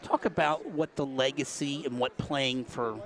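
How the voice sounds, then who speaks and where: An older man, a local broadcaster, chatting folksily through post-game interviews with high school players in a gym. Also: fairly even intonation, measured pace, a bit bright. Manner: chatty, folksy, rambling questions. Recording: noisy crowd in a gym. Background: cheering crowd.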